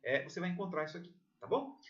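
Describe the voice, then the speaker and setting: A man with a Brazilian Portuguese accent giving an informal exam-prep lecture, chatty and animated, tagging his sentences with little checks like "right?". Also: high voice, fast talker. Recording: muffled, lo-fi recording.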